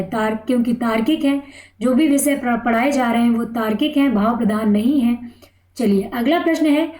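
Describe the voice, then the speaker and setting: A woman's voice: on the high side, darkish tone, reverberant. A woman teaching an exam-prep Hindi grammar lesson, asking the class questions and then answering them herself in a coaxing way. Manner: asks questions and answers them herself, calls listeners "beta".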